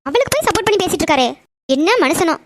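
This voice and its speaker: Sulky money-minded cartoon mother, sharp retorts, high and fast, a woman voicing her. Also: big pitch swings, background noise. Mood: grumbling. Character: greedy, sulky mother obsessed with property.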